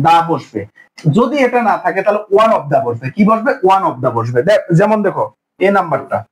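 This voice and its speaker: A man's voice: high voice, poor audio. A young man teaching an exam-prep grammar lesson, asking questions and answering them himself in repeated drills. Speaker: English teacher.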